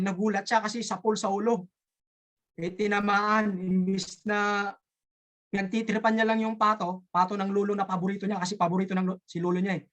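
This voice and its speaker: A speaker with an Ilonggo accent telling a story in a casual, halting way, often stopping to search for words, as a participant in an online coaching session. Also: mid-range voice, a bit bright.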